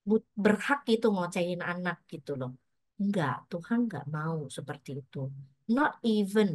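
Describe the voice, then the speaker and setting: A woman's voice: fairly low pitch, lively intonation, normal speed. A middle-aged woman preaches in a loose, conversational way, moving between personal stories and encouragement. She slips English words into her talk and sounds close to the mic. The recording is dry, with no room echo. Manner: chatty, mixes in English words. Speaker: pastor. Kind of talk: casual sermon with personal stories.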